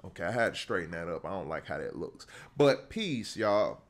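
A man's voice: low voice, big pitch swings, normal speed. A man from the American South with a Southern accent, chatting casually to viewers in a film reaction, full of fillers and restarts. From Southern United States. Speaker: movie reaction streamer.

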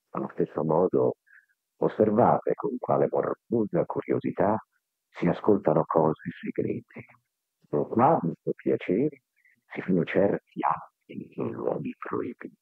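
A man giving a slow, declamatory spiritual discourse, heard from an old worn tape recording. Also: lowish voice, vocal fry, no echo. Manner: slow, deliberate, declamatory oratory. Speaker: spiritual speaker. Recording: tinny, thin 1970s tape recording.

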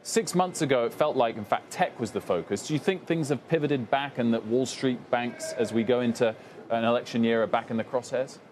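A man's voice: medium pitch, brisk, background noise. A man anchoring a business news interview, asking long, conversational questions on a lapel mic in a TV studio. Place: TV studio on a trading floor.

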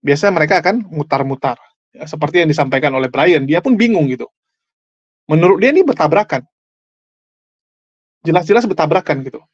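A man's voice: fairly high pitch, lively intonation, a little fast, pauses often, no room sound, dull audio. A man commenting on a debate clip in an explanatory, argumentative way. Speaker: Islamic preacher commenting on a clip.

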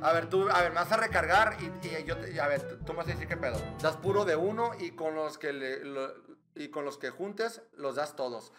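A young man with a Mexican accent giving slangy, excitable, swearing gaming commentary. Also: on the high side, normal speed, soft background music. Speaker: gaming streamer.

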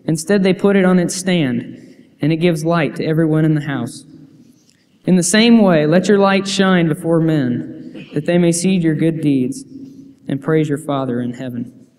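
This youth preacher, a young man, speaks at a moderate pace in a slightly high, somewhat mellow voice. His earnest sermon includes scripture he reads aloud, with frequent restarts, and the church sanctuary gives the recording a reverberant hall sound.

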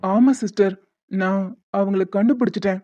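A woman voicing a reassuring young man in an animated drama. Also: mid-range voice, soft background music, natural voice. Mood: earnest. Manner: brisk, reassuring. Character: young man, caring brother figure. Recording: dull lo-fi dry sound.

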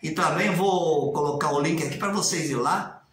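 A man in his sixties with a Brazilian Portuguese accent offers casual, animated religious commentary to a webcam at desk distance in a small tiled room. His slightly high voice moves at a moderate pace and sounds very echoey, and now and then he imitates formal prayers in a raised sing-song tone.

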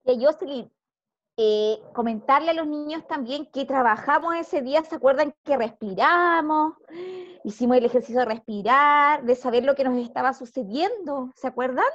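Chilean lady teacher, high voice, walks little kids thru breathing, kinda muffled sound. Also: moderate pace, fairly bright tone. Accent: Chilean Spanish. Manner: guides children through breathing and movement. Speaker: preschool teacher. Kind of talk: class for small children.

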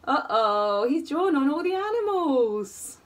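Here a high-voiced woman reads a children's bedtime story slowly, with expressive, singsong animation and questions aimed at the young audience. The camera sits a short distance away in her small attic room at home, so she sounds far from the mic, with slight background noise.

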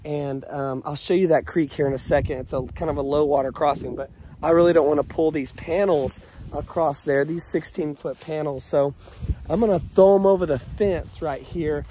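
A man talks outdoors on his land, his voice a little higher than most men's and scratchy from a cold. He walks the viewer through the fence work in an easygoing, step-by-step way, with a faint hiss of noise under him. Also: fairly even intonation, moderate pace, mellow. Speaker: ranch vlogger. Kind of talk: casual outdoor vlog narration. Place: outdoors on a rural property. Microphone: camera-mounted action cam.

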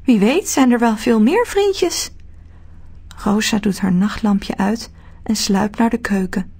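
A woman narrating a children's storybook audiobook in a steady, clear telling. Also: mid-range voice, slow pace.

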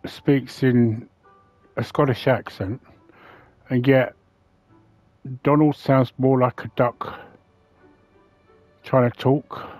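A man's voice: mid-range voice, fairly even intonation, slow pace, long pauses, darkish tone, no room sound. A man giving casual let's-play commentary, thinking aloud and muttering to himself as he plays. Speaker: gameplay commentator. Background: faint game music.

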